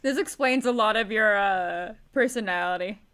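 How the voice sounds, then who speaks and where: A woman's voice: mid-range voice, moderate pace, fairly bright tone, smooth. A woman co-hosting a podcast in casual chat, with wry quips and easy laughter. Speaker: podcast co-host.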